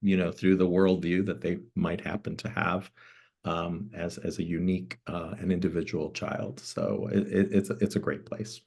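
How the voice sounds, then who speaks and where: A man's voice: low-pitched, level tone, normal speed, gravelly, darkish tone, slightly rough. A middle-aged man from Florida, born in Cuba, speaking as a guest director in a community talk, explaining at length with frequent fillers. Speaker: interim museum director, guest.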